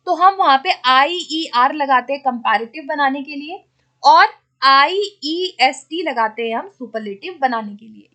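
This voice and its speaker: A woman teacher explains grammar rules for exam students. She asks a question, then answers it herself, and checks in with a quick "okay?" along the way. She says the example words slowly and more than once. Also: high-pitched, bright, forceful tone. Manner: spells out words slowly and repeats them. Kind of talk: exam-prep grammar lesson.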